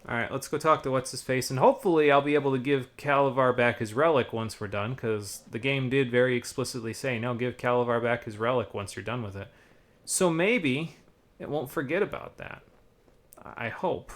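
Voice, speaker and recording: A man's voice: medium pitch, a little fast. A man giving casual, rambling live commentary on a video game with wry asides.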